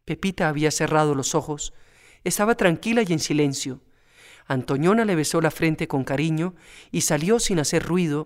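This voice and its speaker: A man reading a storybook aloud in a measured, calm way. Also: fairly high pitch. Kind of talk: storybook narration.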